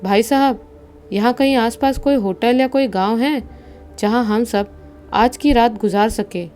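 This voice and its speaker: A woman reading the lines of a frightened young man in a spoken horror story, in her own dark, low-key voice. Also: measured pace, faint music behind, lightly acted. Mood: calling out.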